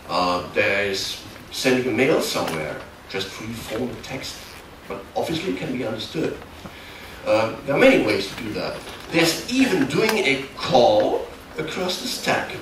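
A middle-aged, German-accented man from near the Dutch border speaks at medium pitch during a technical workshop talk. He explains haltingly and keeps correcting himself, and the far camera mic in the large, darkened conference hall picks up echo and background noise.

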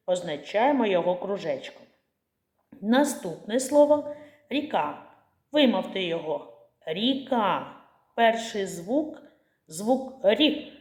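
Slow, deliberate woman teacher in an echoey room. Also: mid-range voice, a little mellow. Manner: slow, deliberate, asks questions and answers them herself. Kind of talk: slow clear lesson for young children.

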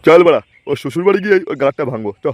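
Man doing a rough thug boss in a cartoon, swears a lot, fast and a bit high. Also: animated, no room sound, lightly acted. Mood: menacing. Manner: swearing, bossy. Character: thuggish male moneylender boss, rough and threatening.

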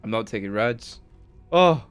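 A male game streamer talks at his desk, exasperated and cursing, often breaking into loud yells. His voice is smooth and clear, and the sound is dry and close. Faint music plays underneath. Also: mid-range voice, normal speed, dry recording. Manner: exasperated, swearing, bursts into yelling. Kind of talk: live gameplay commentary. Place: home desk.

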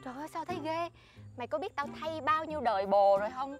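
Over loud music, a Southern Vietnamese-accented actress talks quickly in a high, animated voice. She plays a showy, boastful, scheming friend in a comedy sketch, lecturing another woman in a bossy way.

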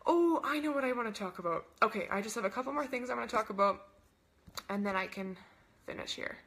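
A young woman hosting a casual coaching webinar, bubbly and rambling, gushing with enthusiasm and acting out little dialogues in a higher voice. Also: expressive, fast talker, gravelly, fairly bright tone. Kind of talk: casual webinar talk to camera.

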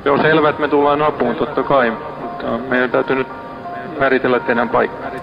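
A man answering a distress call over marine radio, calm and businesslike. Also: mid-range voice, fast talker, vocal fry, music in the background. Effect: marine radio transmission. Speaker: radio operator of a rescuing ship. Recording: muffled archival marine radio recording.

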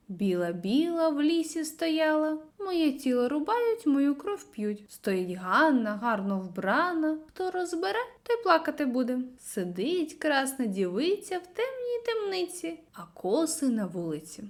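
Woman textbook reader: high voice, sing-song riddle reading, lesson style.

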